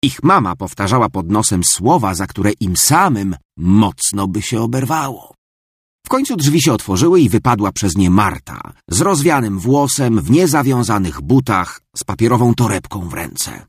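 A man reads a children's story in a fairly low, husky voice. His pitch moves in a lively way from phrase to phrase. The sound is dry and close. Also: moderate pace, no room sound. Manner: expressive storytelling. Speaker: narrator. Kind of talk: children's story read aloud.

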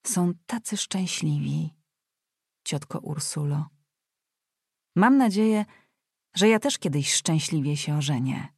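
A woman reading aloud, voicing a polite young man who speaks with dry, gentle irony. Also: sits low, animated, takes it slowly, long pauses, slightly rough, dry recording, exaggerated voice. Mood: wry polite. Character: polite, wry young nobleman, nephew.

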